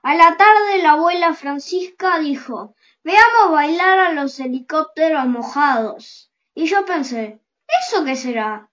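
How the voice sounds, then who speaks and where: A reader telling a children's story aloud, with gentle and unhurried storytelling. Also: high voice, expressive, dull audio. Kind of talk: slow storybook reading aloud.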